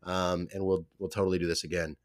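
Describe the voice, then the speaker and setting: A man hosting a podcast, relaxed and agreeable, asking questions with plenty of fillers. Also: low-pitched, quick pace. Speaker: podcast host. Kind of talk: casual podcast interview.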